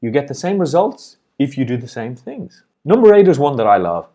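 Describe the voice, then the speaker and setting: Male motivational coach, cheerful and encouraging, very animated intonation. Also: mid-range voice, brisk. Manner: upbeat, encouraging, smiling as he speaks. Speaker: life and business coach, host. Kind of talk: motivational video talk.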